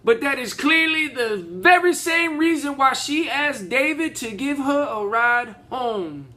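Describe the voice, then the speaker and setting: A male actor performs a Southern courtroom lawyer with a honeyed, theatrical drawl. The voice sits strikingly high for a man and has a bright, forceful edge. Phrases get deliberately repeated to press the case on judge and jury. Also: animated, heavily acted. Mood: persuasive. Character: folksy, impassioned Southern male defense lawyer addressing a jury. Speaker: auditioning actor. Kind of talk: audition monologue, courtroom speech.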